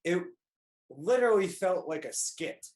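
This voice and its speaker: A man co-hosting a casual podcast chat, telling stories with animated energy and playful put-on voices, recorded at home on a call. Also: high-pitched, unhurried. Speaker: podcast co-host.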